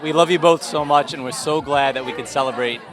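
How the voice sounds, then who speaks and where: A man's voice: a little high, brisk, crowd noise. A man giving wry, joking wedding wishes. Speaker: wedding guest.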